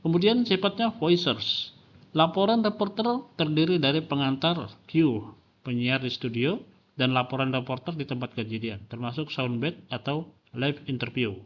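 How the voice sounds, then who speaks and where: A man's voice: medium pitch, moderate pace, muffled recording. A male lecturer, explaining a lesson with examples, frequent fillers and rhetorical questions. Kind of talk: classroom lecture.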